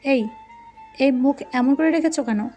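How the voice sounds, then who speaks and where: A woman's voice: sits high, a little slow, warm tone, faint music behind. A woman voicing a hot-tempered, jealous young husband who speaks in angry, clipped threats.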